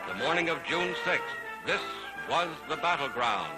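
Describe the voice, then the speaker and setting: A man's voice: on the high side, animated, normal speed, rough recording. A man giving grand, declamatory scripted narration for an old wartime newsreel. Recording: narration over loud music.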